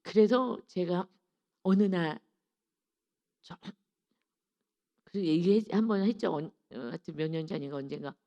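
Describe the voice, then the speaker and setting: A woman preaching a sermon in a church, telling personal stories with lively acted-out quotes and frequent laughs. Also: fairly low pitch, measured pace, pauses often, lo-fi sound. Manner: laughs often while telling. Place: church sanctuary.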